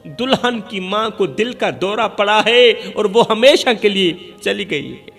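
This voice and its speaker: A frightened man bursts in and shouts news of a death in a shaky voice, as a male storyteller puts him on. The voice is high and rings in a long hall reverb. Soft music plays behind. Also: vocal fry.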